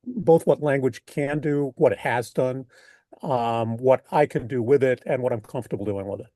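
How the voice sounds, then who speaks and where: Older male interviewee, American accent, mellow tone, dry close sound, thoughtful and halting delivery. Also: mid-range voice, no echo. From United States. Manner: halting, thoughtful, rephrases mid-sentence. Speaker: poet being interviewed. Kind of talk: reflective interview talk.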